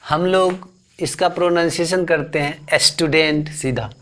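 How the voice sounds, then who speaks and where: A man's voice: on the high side, a little slow, fairly bright tone. A man with an Indian accent teaching English grammar, asking rhetorical questions and repeating words as he explains. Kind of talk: classroom lesson explanation.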